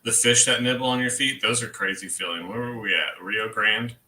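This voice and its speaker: Joking man in his thirties, bright voice. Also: lowish voice, a little fast, rough recording. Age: 30s. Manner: relaxed, joking banter. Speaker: co-host of a family livestream. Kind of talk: casual livestream chat.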